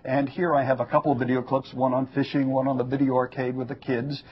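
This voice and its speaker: A man's voice: medium pitch, level tone, fast, muffled recording, slight background noise. A man giving a home shopping product demonstration as the guest expert, explaining step by step in a folksy, lightly joking way.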